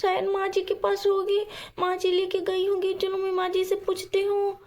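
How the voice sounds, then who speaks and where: A woman's voice: very high voice, monotone, normal speed, darkish tone. A woman voicing a panicked young mother crying over her missing baby. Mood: distraught. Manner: wailing, panicked.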